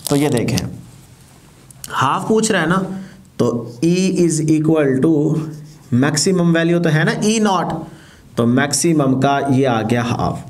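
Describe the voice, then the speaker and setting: A male physics teacher, explaining step by step, asking his students questions and slowing down to spell out equations as he writes. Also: on the high side. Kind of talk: classroom lecture.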